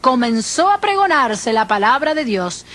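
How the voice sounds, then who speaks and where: High-voiced woman telling a dramatic testimony. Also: unhurried. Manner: expressive, dramatic storytelling. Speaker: preacher giving a testimony. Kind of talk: first-person spoken testimony.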